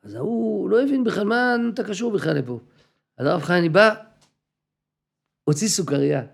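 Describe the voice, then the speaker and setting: Male religious teacher, informal class, husky voice, acts out exchanges, repeats for emphasis. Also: sits high. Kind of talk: informal Torah class to a group.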